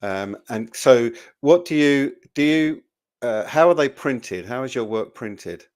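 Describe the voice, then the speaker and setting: A man's voice: mid-range voice, expressive, unhurried, a little mellow. A man hosting a casual video interview, chatty and jokey, with lots of fillers and restarts. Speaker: interview host.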